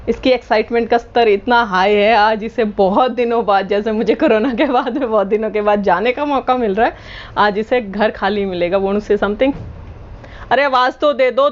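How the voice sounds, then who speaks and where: Woman vlogger at home, chatty and teasing, a bit high-pitched, kinda dull lo-fi audio. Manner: chatty and playfully teasing, switching between Hindi and English. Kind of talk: casual vlog chat to camera. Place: at home indoors.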